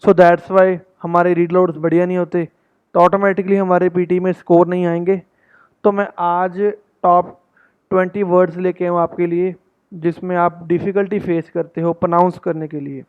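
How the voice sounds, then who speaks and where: A man's voice: high voice, flat delivery, smooth. Man teaching pronunciation, tinny audio. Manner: slowly reads English passages aloud, repeats words for practice. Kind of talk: casual Hindi-English lesson.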